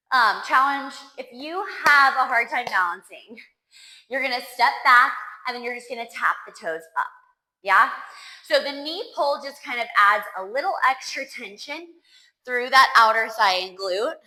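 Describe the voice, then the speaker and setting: A woman's voice: a little high, sharp tone, roomy sound, rough recording. A woman leading a pilates workout, counting down reps with upbeat cheers and sometimes winded. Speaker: pilates instructor. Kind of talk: workout class cueing.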